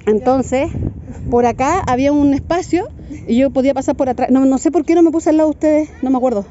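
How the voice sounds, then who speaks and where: A middle-aged Chilean woman with a high but dark, mellow voice, chatting and retelling a story in a family vlog. She speaks Chilean Spanish in an animated, storytelling way. It sounds like a phone recording outdoors, a bit dull, with faint background noise. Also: fast. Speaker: vlogger mother.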